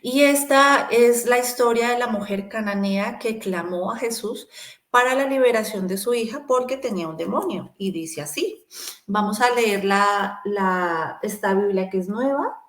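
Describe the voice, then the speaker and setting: A woman giving a sermon-style Bible teaching, encouraging and speaking straight to the listener, pausing with fillers as she looks up verses. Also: medium pitch, roomy sound. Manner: encouraging, addresses the listener directly.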